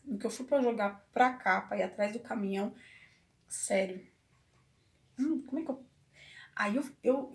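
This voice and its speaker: A woman telling a personal story to camera, emotional and halting with many restarts. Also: mid-range voice, darkish tone. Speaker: vlogger. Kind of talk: personal confessional talk.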